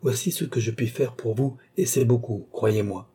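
A man voicing a mysterious male captor who speaks calmly, sadly and persuasively. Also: medium pitch, moderate pace, husky. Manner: calm, sorrowful, persuasive.

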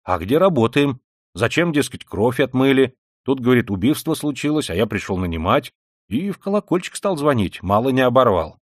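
A man reading the part of a puzzled workman in an audiobook, telling it in rough, chatty common speech. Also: mid-range voice, big pitch swings, fairly quick, no echo, studio quality, voice pushed up. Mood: grumbling. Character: plain-spoken male workman, puzzled and grumbling.

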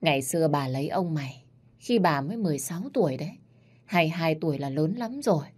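A woman's voice: low voice, expressive, brisk, a little mellow. A woman voicing a fussy, doting old grandmother who teases and nags her granddaughter in an audiobook story. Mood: nagging. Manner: scolding, teasing, affectionate.

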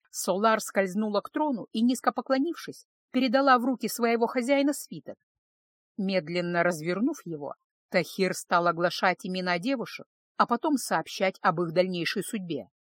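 A woman narrates a first-person audiobook in a steady, expressive voice at a middle pitch. She is recorded close on a microphone in a dry space with no echo. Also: moderate pace.

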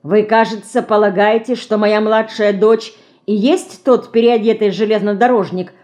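A woman's voice: mid-range voice, fairly even intonation, normal speed, warm tone, voice pushed up, lightly acted. A woman reading the part of a proud mother in an audiobook, answering a detective in a dry, sarcastic way. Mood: cold, indignant. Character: cold, proud mother defending her home.

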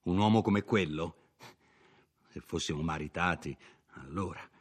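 A man's voice: low voice, unhurried, breathy edge. A man reading a novel aloud, voicing a hot-headed young village man with an angry, bitter edge.

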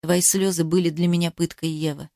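A woman reading an audiobook, voicing a stern, intense, protective grown man in a low, hushed, grave tone. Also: flat delivery, a little fast, no room sound, studio quality, lightly acted. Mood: tender.

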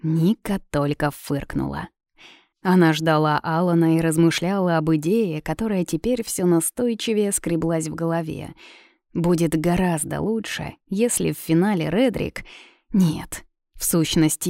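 Audiobook narrator: a woman with a low, dark voice, even and measured. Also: no room sound, clean studio sound. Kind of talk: audiobook fiction reading.

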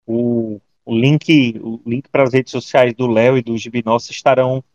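A Brazilian man hosting a podcast in casual chat, halting and repeating words as he thinks. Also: mid-range voice, fairly even intonation, darkish tone, no echo. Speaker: podcast host. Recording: dry but slightly dull audio.

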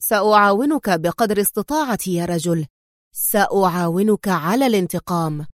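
A woman voicing a weary middle-aged man, despairing yet resolute, speaking low and with halting emotion. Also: dry recording, studio quality, natural voice. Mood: grave emotional.

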